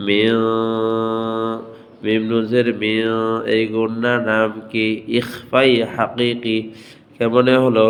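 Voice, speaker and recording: A man teaching Quran reading, spelling out letters syllable by syllable and chanting words in long drawn-out tones. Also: on the low side, long reverb tail. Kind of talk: slow spelling-out lesson with chanted recitation.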